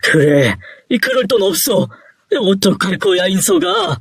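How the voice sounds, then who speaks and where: A man's voice: high-pitched, huge pitch swings, unhurried, gravelly, husky, dry recording, clean studio sound, voice pushed up, exaggerated voice. A man voicing a stern, worried middle-aged father who scolds his son. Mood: scolding. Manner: nagging, scolding.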